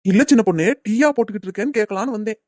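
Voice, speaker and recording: Cartoon: woman playing a timid henpecked husband, quick and pleading. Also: mid-range voice, darkish tone, no echo, clean studio sound, lightly acted. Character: meek henpecked husband, middle-aged man. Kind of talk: cartoon comedy voice acting.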